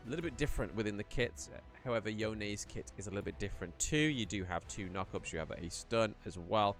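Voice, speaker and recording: Excitable male esports caster, faint music. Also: lowish voice, fairly quick. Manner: chatty, rambling, gets excited during fights. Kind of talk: live play-by-play game commentary.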